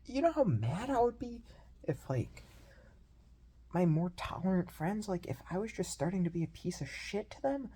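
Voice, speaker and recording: A young man talking through a personal video diary in a reflective, rambling way, with many fillers and pauses. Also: high-pitched, big pitch swings, dark tone, breathy edge. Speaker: video journal host.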